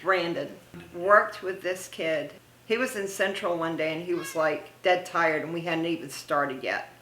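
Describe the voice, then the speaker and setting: A woman's voice: fairly low pitch, unhurried, a bit bright, roomy sound, a little hiss or hum, rough recording. A middle-aged woman being interviewed as a guest, reminiscing casually and gushing with praise, laughing often. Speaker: interview guest, theme park haunt performer.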